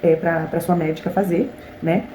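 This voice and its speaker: A young woman with a Brazilian Portuguese accent tells her story to viewers at a brisk, chatty pace, breaking off for frequent asides. Her voice sits fairly low and mellow. The recording has a roomy echo and a faint background hiss. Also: fairly even intonation. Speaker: vlogger. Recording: echoey room with faint hiss.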